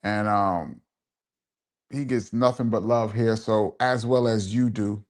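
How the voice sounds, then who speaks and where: On a live stream, a DJ chats casually while reading viewer comments aloud, giving shout-outs, reminiscing, and repeating phrases for emphasis. He speaks slowly in a lowish voice with fairly even intonation.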